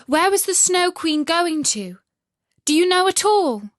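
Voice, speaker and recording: A woman's voice: very high-pitched, big pitch swings, measured pace, dry recording, studio quality, pitched above the performer's own voice, heavily acted. A woman voicing an anxious, tender young girl in a storybook, pleading and emotional. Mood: anxious, eager.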